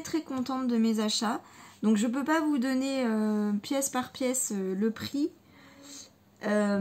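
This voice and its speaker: A woman's voice: on the high side, mellow. A woman chatting casually in a haul video, hesitant with many fillers and repeated words, enthusiastic about her crafting materials. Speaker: scrapbooking vlogger.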